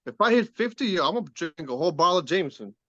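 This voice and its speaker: A man in his thirties with a slightly high voice that swings up and down a lot as he gives his opinions in heavy slang. The recording sounds dull and lo-fi, and very dry. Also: big pitch swings, very fast, fairly bright tone, no room sound. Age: 30s. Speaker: podcast co-host. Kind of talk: casual chat.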